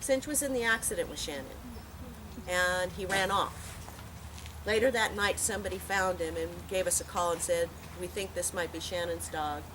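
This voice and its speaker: A woman with a lowish voice, speaking at a moderate pace, offers a plain-spoken, heartfelt eulogy sprinkled with stories. The gathering is an outdoor park memorial, recorded amid noisy park ambience.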